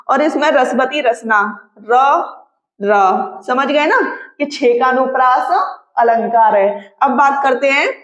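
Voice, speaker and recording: High-voiced woman teaching slowly. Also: reverberant. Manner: drawn-out, patient explaining with frequent check-ins. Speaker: Hindi teacher. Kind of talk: exam-prep grammar lesson.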